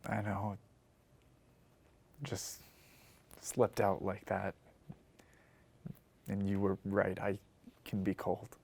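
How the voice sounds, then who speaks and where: A man's voice: low-pitched, monotone, drawn-out words, gravelly, pauses often, darkish tone, husky, heavily acted. A man playing a worn-out young man who admits he can be cold, speaking in a subdued, weary way in a drama reading. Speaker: actor. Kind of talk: staged radio-style drama reading.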